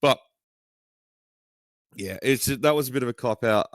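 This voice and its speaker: A man's voice: medium pitch, measured pace, dry recording. A man co-hosting a casual chat, blunt and swearing often, trailing off mid-sentence. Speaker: podcast co-host.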